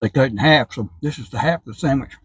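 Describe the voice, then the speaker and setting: A man's voice: mid-range voice, fast talker, breathy edge, dry recording. A man casually taste-testing a sandwich on his food vlog, chatting between bites. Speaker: food reviewer.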